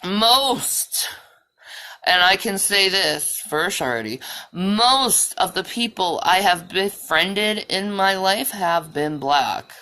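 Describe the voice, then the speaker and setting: Woman vlogger, profane heated rant, slow delivery, sharp bright tone. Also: mid-range voice, animated. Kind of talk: ranting monologue.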